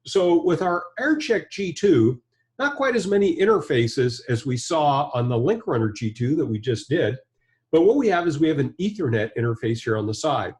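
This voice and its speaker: In a studio or workshop with a backdrop and bench, a fifties-aged American trainer presents a hands-on product demo, explaining things conversationally and plainly. He speaks at a moderate pace in an animated, slightly high voice that has a darkish tone.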